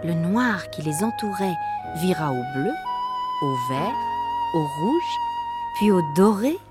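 A woman narrating an audiobook in an expressive, at times hushed storytelling voice. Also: fairly low pitch, takes it slowly, loud music behind the voice.

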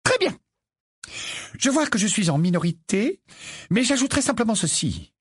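A man voicing a fierce, protective middle-aged mother who speaks loudly and shrilly. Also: very animated, moderate pace, husky, dry recording, studio quality, full character voice. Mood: insistent. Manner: shrill, loud and pleading.

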